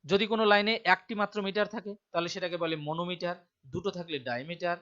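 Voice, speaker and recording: A man's voice: high-pitched, fairly even intonation, fairly bright tone. Man teaching a poem. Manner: slow, emphatic reading of quoted verse lines. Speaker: literature teacher. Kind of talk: explaining a poem to students. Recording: dull lo-fi sound.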